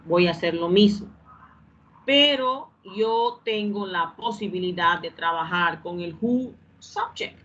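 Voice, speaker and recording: A woman with a lowish voice explains English grammar to a class at a slow pace, her tone slightly bright. She patiently repeats every step and checks whether everyone understands. There's a faint background hum on the dull, lo-fi recording.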